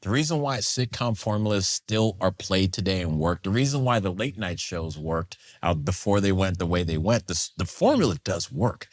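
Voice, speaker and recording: A man speaking as a guest in a casual panel discussion, animated and full of fillers. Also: low voice, normal speed, few pauses. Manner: animated, acts out quoted voices, many fillers.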